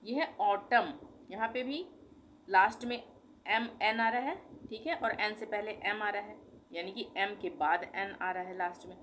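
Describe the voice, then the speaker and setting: A woman teaching a language lesson in an unhurried, patient way, spelling words letter by letter and going over each one again. Her voice sits in a middle pitch, with a faint hiss of noise behind it. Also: a bit bright.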